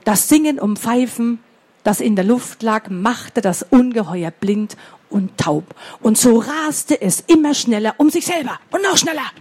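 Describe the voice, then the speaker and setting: A woman reading a fairy tale aloud to children in a slow, expressive way, pausing to ask them questions. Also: on the high side, breathy edge. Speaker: storyteller for children.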